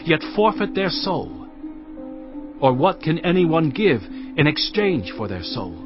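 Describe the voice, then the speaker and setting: An actor playing Jesus as a grave, earnest teacher with solemn, emphatic delivery in a dramatized audio Bible. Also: male voice, fairly high pitch. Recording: dull sound under prominent music. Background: music.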